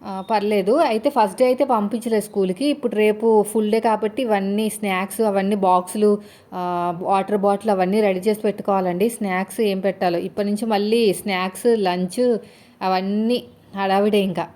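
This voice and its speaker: A woman's voice: mid-range voice, fairly even intonation, brisk, warm tone. A woman in her thirties from India, talking casually to her viewers while doing chores, chatty and rambling with lots of fillers. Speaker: vlogger, housewife.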